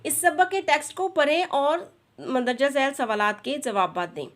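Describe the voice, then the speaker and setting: Pakistani woman teacher, bright high voice, slow careful reading for young pupils. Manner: reads English slowly, then explains in Urdu; addresses children directly. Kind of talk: reading a schoolbook lesson aloud.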